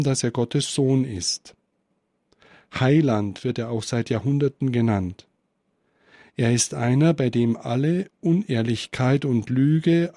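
A man giving a spiritual Christmas reflection and reading a story aloud, in a measured, contemplative way. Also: medium pitch, dark tone, no room sound, studio quality. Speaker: spiritual speaker.

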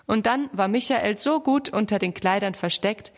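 A woman's voice: medium pitch, normal speed, lightly acted. A woman voicing a girl who explains what happened in a children's story. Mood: explaining.

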